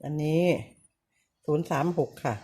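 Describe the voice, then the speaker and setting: In this casual home demo, the woman refers to herself as auntie while explaining how to wash banknotes. Her pace is unhurried, her tone polite, and she repeats brief pointing phrases softened with courteous endings over background noise.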